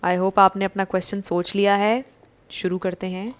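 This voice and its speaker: A woman giving a casual tarot reading to her viewers, gentle and reassuring, slipping English phrases into her talk. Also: medium pitch, flat delivery, normal speed, smooth. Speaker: tarot card reader.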